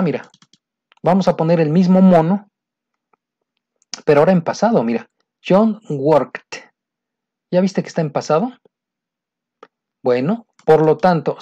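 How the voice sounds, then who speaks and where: A patient teacher walks through a grammar lesson step by step, repeating key points and checking in with the listener. The voice sits in a middle register and sounds mellow and soft-edged. The recording is dull and muffled. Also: medium pitch. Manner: patient, repetitive, keeps checking understanding. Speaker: English teacher.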